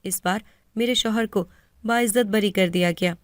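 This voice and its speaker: A woman with a Pakistani Urdu accent narrating a first-person moral story in a steady, earnest way. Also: mid-range voice, no echo, studio quality.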